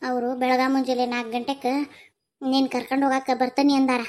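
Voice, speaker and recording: Woman doing a worried cartoon village mother, North Karnataka Kannada accent, fretful, lamenting, high voice. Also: level tone, a little fast, natural voice. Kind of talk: cartoon voice acting.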